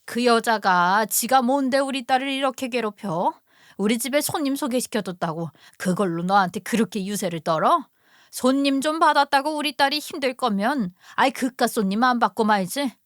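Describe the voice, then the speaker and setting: A woman's voice: a little high, lively intonation, moderate pace, no echo, studio quality, close to an everyday voice. A woman voicing a middle-aged mother who fiercely defends her daughter in a dramatized story reading. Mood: indignant. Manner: worried, then indignant on her daughter's behalf.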